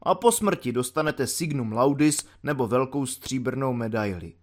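A man's voice: medium pitch, expressive, lightly acted. A man voicing a bitter, mocking young army volunteer locked in a cell, ranting sarcastically. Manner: sarcastic ranting, spits out insults. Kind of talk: audiobook character voice.

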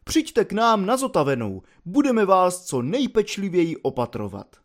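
A man's voice: high voice, big pitch swings, voice pushed up. A man voicing a grateful middle-aged hop merchant who speaks earnestly and effusively.

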